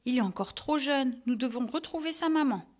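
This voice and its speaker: A woman reading a children's storybook, voicing a cheerful, caring young woman in a high, eager, sing-song voice. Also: lively intonation, moderate pace, darkish tone.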